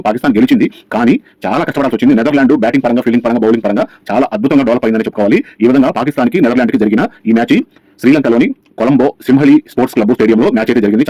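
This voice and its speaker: A man's voice: mid-range voice, warm tone, dry recording. A man narrating a scripted cricket match recap as a channel host, rattling through scores over by over. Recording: dull, lo-fi sound.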